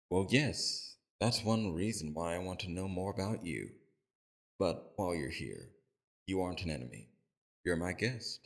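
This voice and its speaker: With a very deep, gravelly voice, a man plays the calm, polite leader of the villains in an audio roleplay, heavily acted. His manner is civil and measured, his questions softly probing.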